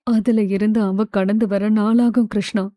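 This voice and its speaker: A woman narrator voices an older sister, quiet and reflective, speaking softly to her brother. The tone is mellow and warm, close and dry. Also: mid-range voice, fairly even intonation, unhurried, dry recording, close to an everyday voice. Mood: sorrowful. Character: older sister, wounded but tender woman.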